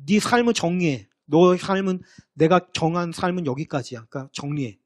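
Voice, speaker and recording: God, delivering a blunt and final verdict, as a preacher puts him on. The voice is high-pitched for a man and dry, with no room echo. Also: a little fast, natural voice. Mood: stern. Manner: blunt, commanding. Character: God speaking, stern and final.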